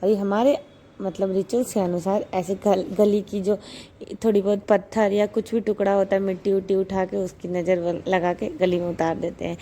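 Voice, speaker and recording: A woman's voice: medium pitch, flat delivery, moderate pace, dark tone. A young woman chatting casually through a home vlog, rambling and repeating words as she talks. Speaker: vlogger.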